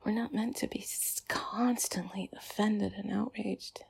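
A young woman whispering in a close ASMR chat, often giggling and sighing softly. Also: mid-range voice, fairly even intonation, a little slow, vocal fry, husky. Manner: soft whispering with frequent giggles and sighs. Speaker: ASMR creator.

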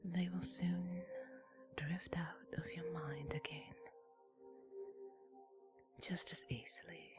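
A woman giving a guided sleep relaxation like a sleep story narrator, in a soft breathy whisper, soothing and gently instructing with long pauses. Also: on the low side, steady tone. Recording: soft music with singing bowl behind. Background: relaxation music.

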